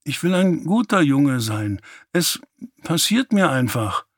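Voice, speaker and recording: A man's voice: a little high, very animated, no room sound, studio quality, voice pushed up, heavily acted. A man doing a cheeky young boy. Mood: quiet. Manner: cheeky, eager, quick to talk back.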